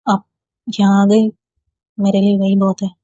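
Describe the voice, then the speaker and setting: A woman voicing a gentle, shy young woman in love, speaking softly and pleading, in a storybook reading. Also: mid-range voice, monotone, unhurried, no room sound, dull audio, natural voice. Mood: affectionate. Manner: soft, pleading. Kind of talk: storybook dialogue read aloud.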